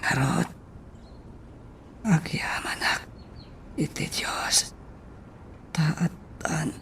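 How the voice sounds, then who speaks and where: A woman's voice: deep voice, pushed and bright, pitched below the performer's own voice, heavily acted. A woman voicing a frail patient who is just getting a weak, whispery voice back, in a radio drama. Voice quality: breathy whisper, weak and strained. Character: frail patient regaining a lost voice.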